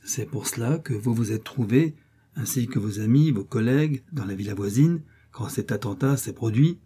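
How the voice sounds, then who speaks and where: A man reading the part of a calm, assured detective's agent who explains things in a measured, reassuring way. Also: medium pitch, slightly rough, lightly acted.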